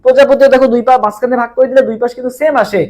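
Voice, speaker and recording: A man's voice: extremely high pitch, steady tone, racing, darkish tone. A man teaching a live online exam-prep class, who asks questions, answers them himself and repeats key terms again and again. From Bangladesh.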